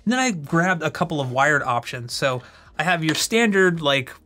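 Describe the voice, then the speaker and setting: A man's voice: a little high, very animated, moderate pace, pushed and bright, faint music behind. A man reviewing tech gear in an informal, conversational way, casually comparing products.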